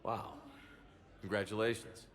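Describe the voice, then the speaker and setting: A military commander hero in a video game. His voice is low, and he speaks calmly in short, measured sentences, steady and supportive. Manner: measured, terse, calm.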